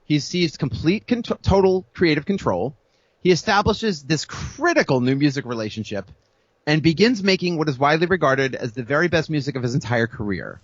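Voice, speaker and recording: Man, podcast co-host, animated storyteller, slightly high voice, dull lo-fi sound. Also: a little fast, no echo. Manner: animated, acts out quoted voices, laughs often. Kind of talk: casual storytelling about music history.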